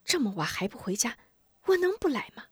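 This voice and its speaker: A woman voicing a worried widowed mother who scolds her son in a hushed voice. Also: mid-range voice, sing-song, normal speed, no room sound, studio quality. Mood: hushed worry.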